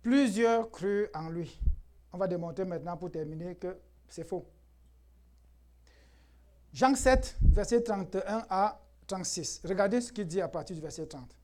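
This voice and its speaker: A pastor with a high voice preaches a sermon in church at a moderate pace. He's emphatic and lively, firing rhetorical questions at the congregation and laughing often.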